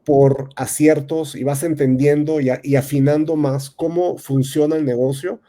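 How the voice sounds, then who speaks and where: A man in his thirties with a Venezuelan accent, a real estate advisor answering interview questions in a halting way, full of fillers and restarts. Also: a little high, fairly even intonation, dark tone. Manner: hesitant, many fillers and restarts. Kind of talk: casual interview talk.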